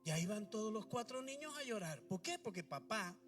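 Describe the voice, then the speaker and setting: A pastor delivers a sermon in a very high, bright and forceful voice. He drives his points with rhetorical questions and asks the congregation to repeat after him. The mic sits far from him, with soft music underneath. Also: very animated, a little fast. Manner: preaching with rhetorical questions and call-and-response prompts. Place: church. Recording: distant mic with faint music behind.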